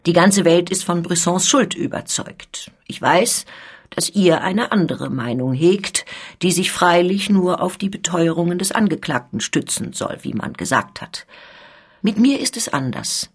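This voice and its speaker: A woman reading the part of a proud, soldierly male count who is a guard colonel, in a measured, emphatic manner. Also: lowish voice, lively intonation, husky.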